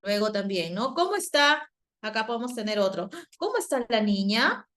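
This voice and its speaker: A Peruvian psychologist giving a virtual class on a video call, often asking the class questions and using many fillers and tag questions. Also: female voice, fairly high pitch, very animated, moderate pace, fairly bright tone. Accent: Peruvian Spanish. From Peru. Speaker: psychologist and teacher.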